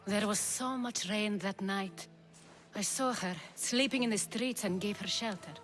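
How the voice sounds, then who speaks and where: An actress voices a proud, commanding female leader in a video game cutscene, delivering her lines with poise and drama in a reflective mood. Her voice sits at medium pitch and sounds slightly bright, close to an everyday voice. She keeps a measured pace, and faint music plays in the background.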